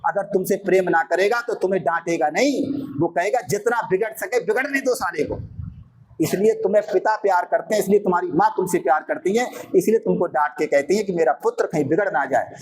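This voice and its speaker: High-voiced man teaching a Hindi poem. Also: a little mellow, low-quality recording. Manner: explains verses line by line, recites slowly, sometimes raises voice. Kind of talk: classroom poetry lesson. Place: school classroom.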